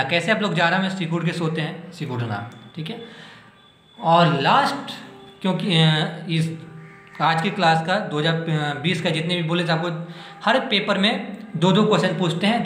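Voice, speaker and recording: A male teacher, his voice sitting a little high, works through an exam-prep spelling lesson. He speaks very slowly, spelling each word letter by letter. He asks the class questions and answers them himself, in an echoey room. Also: fairly bright tone.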